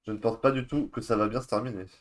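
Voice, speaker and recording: A man giving relaxed, self-mocking commentary while playing a video game. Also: mid-range voice, fast, a little hiss or hum. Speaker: let's play streamer. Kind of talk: casual gameplay commentary.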